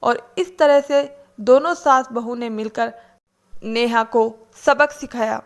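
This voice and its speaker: A woman narrating a moral story in a plain, steady reading voice. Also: a little high, slow pace.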